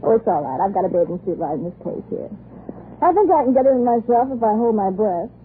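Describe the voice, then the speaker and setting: A woman's voice: medium pitch, lively intonation, fast talker, lightly acted. A woman playing a brazen young Hollywood actress in an old radio drama. She taunts and wisecracks in a slangy drawl. The sound is thin and phone-like, with a faint hiss beneath it. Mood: flippant. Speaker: fading Hollywood film actress. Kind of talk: 1940s radio acting. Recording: thin, hissy vintage radio broadcast.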